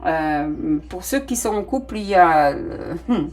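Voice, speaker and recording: This tarot reader has a lowish, darkish, expressive voice and speaks a little slowly in French that isn't her native language. Her casual reading, aimed straight at viewers, is dotted with fillers and restarts.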